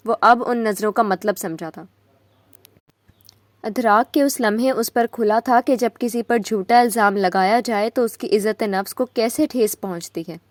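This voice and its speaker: A woman reading a romance novel aloud as a steady audiobook narrator. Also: on the high side, no echo.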